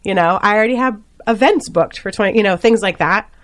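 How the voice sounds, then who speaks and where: Female radio guest, faint Boston accent, chatterbox, lively and laughing. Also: medium pitch, a little fast. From Boston area. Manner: animated chatterbox, laughs often, full of fillers. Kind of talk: chatty interview conversation.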